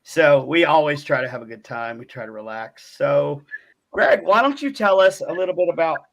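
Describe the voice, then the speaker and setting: A man's voice: fairly high pitch, lively intonation, normal speed, vocal fry, fairly bright tone, muffled recording. A man hosting a casual online talk show, jokey and playful, laughing easily. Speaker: show host.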